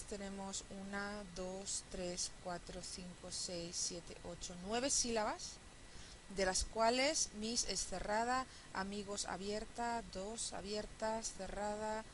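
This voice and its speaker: A woman's voice: mid-range voice, background noise. Woman teaching phonetics step by step. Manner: explains step by step, checks understanding with "¿sí?"; counts syllables aloud slowly. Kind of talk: recorded classroom lecture.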